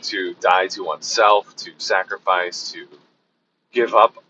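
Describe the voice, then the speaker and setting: Hoarse, sick-voiced man with a deep, bright tone. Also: slow pace, highs cut off, slight background noise. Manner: rambling, relaxed, with fillers and restarts. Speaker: vlogger. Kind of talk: casual daily vlog update.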